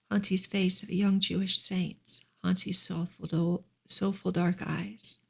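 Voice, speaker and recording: A woman narrates a novel aloud in ASMR style, her medium-pitched voice soft and breathy and often slipping into a whisper. Her delivery is gentle and hushed.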